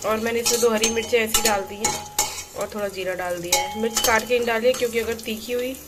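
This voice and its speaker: A woman's voice: on the high side, fairly even intonation, quick pace, heavy background noise. A woman and mother vlogging at home, chatting to the camera as she explains her laundry and cooking step by step. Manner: chatty, explains each household task step by step. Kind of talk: casual chat to camera.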